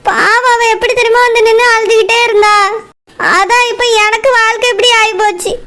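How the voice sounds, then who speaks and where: A woman's voice: very high-pitched, little pitch movement, fairly quick. A woman voicing a tearful, newly married young village woman who speaks plaintively. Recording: loud background noise.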